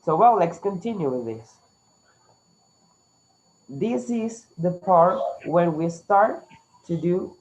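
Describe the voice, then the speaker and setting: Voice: mid-range voice, darkish tone, highs cut off. An English teacher with a Latin American Spanish accent, a native Spanish speaker, leading an interactive online class in an encouraging, instructive manner. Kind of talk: interactive online language lesson.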